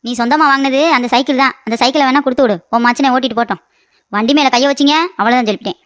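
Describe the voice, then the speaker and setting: A woman voicing a sharp-tongued older mother-in-law in an animated story, scolding in rapid bursts and grumbling about aching knees. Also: high voice, dry recording, clean studio sound, close to an everyday voice. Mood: indignant. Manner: rapid scolding, complains of knee pain.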